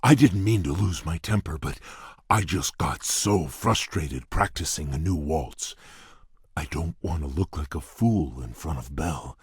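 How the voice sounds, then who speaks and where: A courtly fairy-tale beast prince for a video game, with a deep and heavily husky voice. He speaks slowly and formally, gruff yet shy and earnest. The sound is close and dry. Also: expressive, dry recording, exaggerated voice. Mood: frustrated, embarrassed. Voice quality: husky, deep, gravelly rumble. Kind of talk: video game character voice lines.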